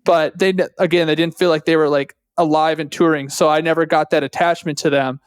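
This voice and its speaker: A podcast co-host talking in a relaxed, casual way, with some hesitant restarts. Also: mid-range voice, fairly quick, clean tone, no room sound.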